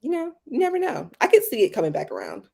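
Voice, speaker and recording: A woman co-hosts a podcast reviewing a show, chatting casually and scattering "like" and "um" through her speech. Her fairly high voice swoops wildly in pitch and comes fast, with vocal fry, a darkish tone and a breathy edge.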